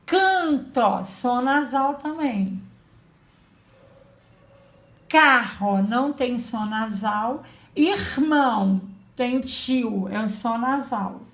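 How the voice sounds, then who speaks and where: A woman's voice: fairly high pitch, lively intonation, very slow. A woman teacher giving a patient children's lesson, spelling out letters and sounds. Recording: echoey room.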